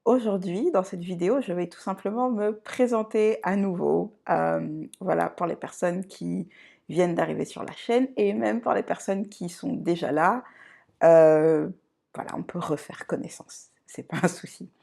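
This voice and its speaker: A woman from Côte d'Ivoire and France hosts a personal introduction vlog, her voice low-set and strongly gravelly with vocal fry. She talks in a reflective, unhurried manner and often pauses to find her words. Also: warm tone. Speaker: channel host.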